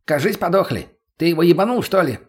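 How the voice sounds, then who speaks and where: A man's voice: fairly high pitch, expressive, fast talker, voice pushed up, natural voice. A man doing a barking profane junkie thug. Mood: crude. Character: crude trigger-happy male junkie thug.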